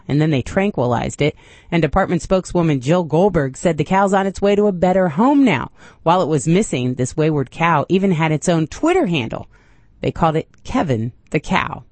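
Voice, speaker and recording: A woman's voice: sits low, darkish tone, no echo. Chatty female radio reporter, dry studio. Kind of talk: chatty news read with casual asides.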